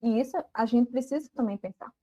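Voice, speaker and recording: A woman's voice: on the high side, a little fast, mellow. A woman guest on a podcast, explaining earnestly with many filler words. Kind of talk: explaining in a live podcast chat.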